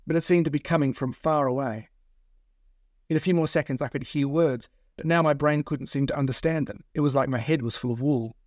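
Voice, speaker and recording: A man, the author, narrating his own novel in the first person with steady, measured storytelling. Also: medium pitch, no room sound, studio quality.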